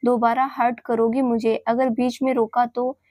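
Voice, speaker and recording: A stern young fiancé, as a woman reads him in her own slightly high voice, scolding firmly but tenderly. Her words come out dry and close, with no room around them. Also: flat delivery, moderate pace, darkish tone, no echo, lightly acted. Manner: scolding, firm yet tender.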